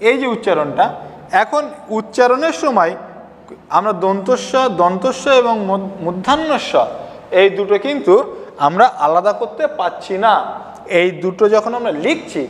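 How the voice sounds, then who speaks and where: A man's voice: high voice, animated, moderate pace, long reverb tail. A male teacher giving a class lecture, explaining step by step and asking rhetorical questions.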